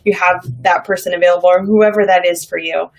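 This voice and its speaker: A woman casually telling a personal faith story, animated and full of "like" and "um". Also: fairly low pitch, quick pace, dull audio. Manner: animated, dramatizes her own past reactions; many fillers like "like" and "um". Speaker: vlogger sharing faith stories.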